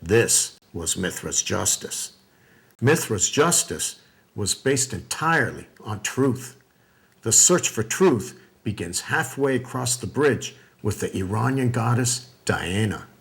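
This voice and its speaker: A man giving scripted documentary narration in a measured, deliberate way. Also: lowish voice, animated, creaky, fairly bright tone.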